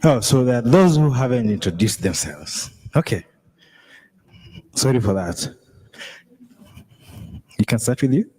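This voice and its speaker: Man facilitating a meeting, mellow voice. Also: medium pitch, husky. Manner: relaxed, halting with fillers. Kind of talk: running a workshop session.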